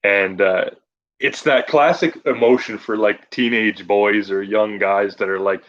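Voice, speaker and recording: A man's voice: fairly low pitch, steady tone, measured pace, a bit bright, dull audio. A man in casual chat recommending movies, who laughs often and rambles with restarts.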